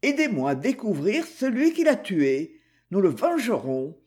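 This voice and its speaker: A woman voicing a hunted male taxi driver in an audiobook, speaking in a measured, firm way. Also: mid-range voice, sing-song, a little mellow. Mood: earnest firm. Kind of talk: audiobook character voice.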